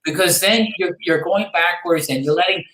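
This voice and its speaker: A man's voice: sits high, moderate pace, bright, forceful tone. Urgent Chicago Puerto Rican man, echoey room. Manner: earnest, urging, repeats phrases. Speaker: panel guest. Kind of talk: casual panel discussion.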